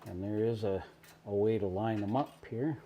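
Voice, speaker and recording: A man's voice: lowish voice, moderate pace, warm tone, slight background noise. A man narrating a casual how-to while working in his own vehicle, with a wry, self-deprecating, muttering manner. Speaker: DIY car vlogger.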